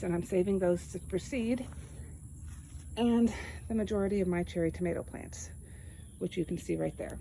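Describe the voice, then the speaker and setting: A woman's voice: lowish voice, warm tone, slight background noise, poor audio. A woman from East Texas walking through her backyard garden, explaining step by step in a plain, casual way. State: out of breath. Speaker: home gardener. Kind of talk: casual walk-through narration.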